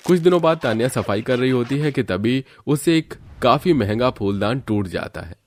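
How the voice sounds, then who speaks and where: A man's voice: mid-range voice, expressive, moderate pace. A man narrating a scripted cartoon family story in a plain storytelling manner.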